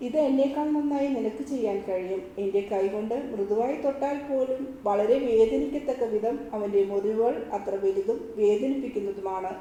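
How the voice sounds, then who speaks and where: A woman's voice: fairly high pitch, normal speed, hardly any pauses, dark tone. A woman reading a devotional story aloud, speaking all the dialogue in her own voice. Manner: reads every character's lines in her own voice. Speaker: narrator reading a religious book. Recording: echoey room, faint ambient noise.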